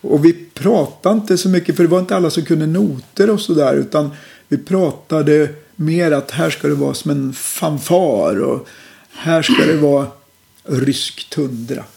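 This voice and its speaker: A middle-aged man, a musician, calmly telling stories about his old band in a casual interview, with lots of hesitations. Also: on the high side, gravelly, slight background noise. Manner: relaxed, reflective storytelling with many fillers. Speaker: musician guest.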